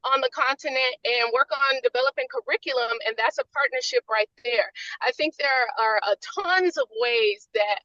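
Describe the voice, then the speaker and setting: A woman's voice: a little high, pushed and bright, dry recording. A woman speaking on a car speakerphone while she drives, offering earnest comments with frequent ums in an online meeting. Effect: car speakerphone call. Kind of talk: casual spoken comments in a video call. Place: inside a car while driving. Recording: dull lo-fi phone audio from a car.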